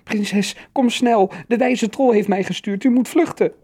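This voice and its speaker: A man's voice: high voice, fairly quick, darkish tone, husky, pitched above the performer's own voice. A man voicing an anxious young male troll child who pleads in a frightened, breathless way. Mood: urgent.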